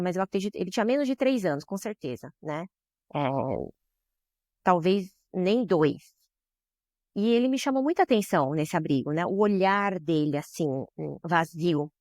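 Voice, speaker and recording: A woman's voice: fairly low pitch, no echo, studio quality. Brazilian woman telling an emotional story. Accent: Brazilian Portuguese. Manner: emotional, frequent tag questions. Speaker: guest, social business director. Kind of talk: storytelling in a podcast interview.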